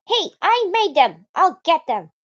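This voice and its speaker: A woman doing a shrill, bratty tsundere schoolgirl. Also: big pitch swings, a little slow, highs cut off, full character voice. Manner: shrill, snappy, stammering denials.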